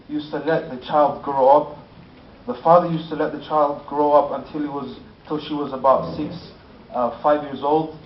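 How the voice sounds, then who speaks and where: A man telling a story in a sermon, using lots of fillers and rhetorical questions. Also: fairly high pitch. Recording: roomy, distant, dull lo-fi with faint noise.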